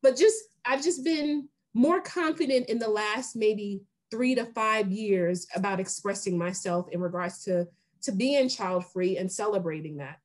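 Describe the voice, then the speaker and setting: A woman in her late forties, a guest on a video call, talking in an animated, emphatic way and laughing easily. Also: medium pitch, unhurried. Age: 40s. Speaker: guest, brand founder. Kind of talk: casual video-call conversation. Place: home room.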